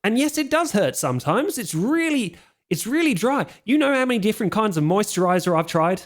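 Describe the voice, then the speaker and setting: A man's voice: very animated, brisk. A man voicing a nervous mummified man who answers in a raised, frantic voice. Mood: jittery. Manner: high, frantic and defensive.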